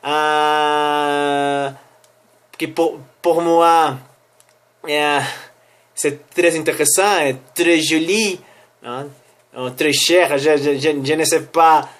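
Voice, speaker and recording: A man's voice: a little high, fairly even intonation, drawn-out words, long pauses, a bit bright. A man speaking with a foreign accent as a non-native speaker, presenting a vlog and often searching for words and correcting himself. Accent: foreign accent in French. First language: not French. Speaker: online language teacher and video host. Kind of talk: news commentary vlog for language learners.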